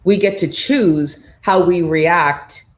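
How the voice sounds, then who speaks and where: A woman's voice: on the low side, slow. A woman hosting a morning show, giving an emphatic motivational talk with faith references. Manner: emphatic, preachy, with faith references and quoted inner voices. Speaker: morning show host, brand coach. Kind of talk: motivational live-stream talk.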